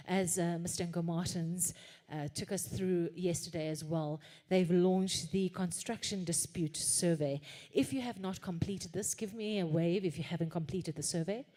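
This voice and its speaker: A woman's voice: fairly low pitch, steady tone, moderate pace, hardly any pauses, mellow. A woman hosting a live conference on stage, addressing the audience in an upbeat, teasing way. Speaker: conference host. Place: conference hall.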